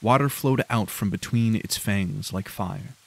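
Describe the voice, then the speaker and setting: A man narrating a dark fantasy audiobook in a measured, grave storytelling manner. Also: on the low side, creaky.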